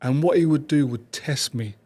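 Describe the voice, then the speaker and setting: A man, a podcast guest telling stories about his past in quick, animated bursts. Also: on the high side, slightly rough. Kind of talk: reflective conversational storytelling.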